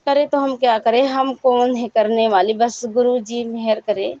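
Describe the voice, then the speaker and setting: A woman's voice: on the high side, steady tone, warm tone, no room sound, dull audio. A middle-aged woman giving a rambling, worried personal testimony to a devotional congregation, pleading in prayer.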